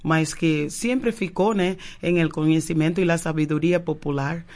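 In a low-pitched, slightly mellow voice at a moderate pace, a woman from Cuba responds to a radio interviewer in the studio. A naturopath and native Spanish speaker, she talks in Portuguese mixed with Spanish, frequently repeating words while hunting for the right one.

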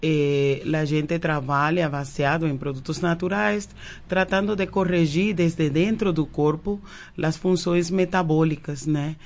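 A woman's voice: deep voice, steady tone, measured pace, a little hiss or hum. A Cuban woman whose first language is Spanish, a naturopath guest on a radio show, who speaks Portuguese with Spanish words mixed in and often repeats words while searching for them. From Cuba. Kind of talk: radio interview answers. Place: radio studio.

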